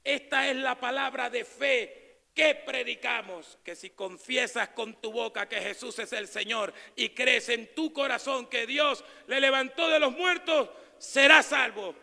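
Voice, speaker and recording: A man preaching an evangelical sermon as pastor, swinging between shouted proclamation and low, quiet asides. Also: unhurried, creaky, long reverb tail.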